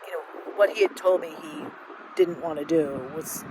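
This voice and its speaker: Woman host, middle-aged, reflective solo talk, halting and candid, street noise in the background. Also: low-pitched. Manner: candid, halting, many fillers and restarts. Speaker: podcast host. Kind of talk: personal reflective monologue.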